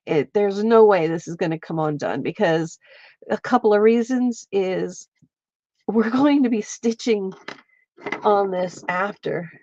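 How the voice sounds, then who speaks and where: A woman with a stuffy, congested voice, slowly walking viewers through a craft step by step and chatting with them as she works. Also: medium pitch, darkish tone, dry recording, dull audio. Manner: slow, meandering, chats with viewers while working. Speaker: craft livestreamer. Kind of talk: casual craft demonstration. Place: home, at her lap.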